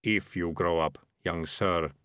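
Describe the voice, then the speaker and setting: A man's voice: low voice, fairly even intonation, slow pace, fairly bright tone, no room sound, studio quality. A man doing a menacing, oily rat catcher. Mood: threatening. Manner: falsely polite, threatening. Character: menacing beery male rat catcher, adult.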